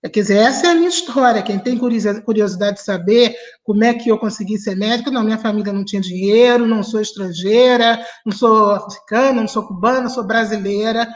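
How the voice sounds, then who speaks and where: A woman's voice: medium pitch, fast talker, hardly any pauses. A middle-aged woman from Niterói, telling her life story as a panelist on a video call and laughing between sentences. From Niterói, Brazil. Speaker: panelist, family doctor. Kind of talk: personal storytelling in an online debate.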